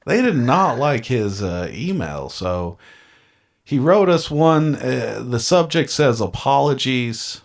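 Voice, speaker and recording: A man's voice: mid-range voice, very animated, slow pace, gravelly. A man hosting a podcast in casual chat, rambling and hesitant with lots of fillers and joking asides. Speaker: podcast host.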